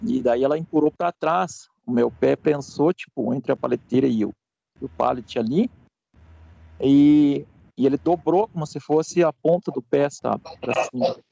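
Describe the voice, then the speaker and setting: A man tells of an accident in a halting, hesitant way. His voice is deeply gravelly and mellow. The call audio is dry and dull. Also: no room sound. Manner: hesitant, halting with fillers and restarts. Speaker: student. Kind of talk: recounting an accident in an online class.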